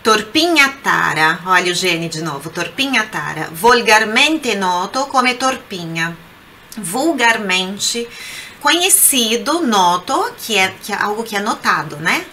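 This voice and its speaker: A Brazilian woman teaching Italian pronunciation, slowly repeating words and coaxing the listener to say them aloud. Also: mid-range voice, big pitch swings, sharp tone, slight background noise. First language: Portuguese. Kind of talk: language lesson.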